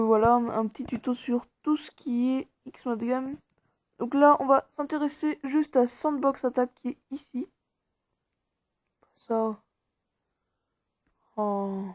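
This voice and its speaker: A woman's voice: a little high, fairly even intonation, takes it slowly, pauses often. A woman talking viewers casually through an app tutorial step by step, informal and rambling. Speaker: tutorial maker. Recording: dull, dry lo-fi recording.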